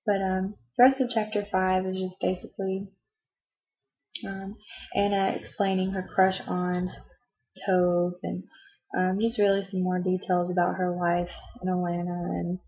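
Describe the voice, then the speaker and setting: Young woman, casual book vlogger, husky flat delivery, muffled home-video sound. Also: on the low side, a little slow. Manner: chatty, rambling, frequent "um" and "like", laughs at herself. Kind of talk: casual book review chat.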